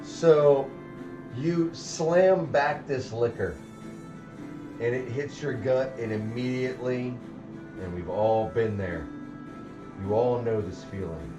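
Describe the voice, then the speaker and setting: A man's voice: medium pitch, slow pace, pauses often, highs cut off. A man narrating a tabletop game as game master, giving vivid, rambling descriptions. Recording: roomy, distant mic with music.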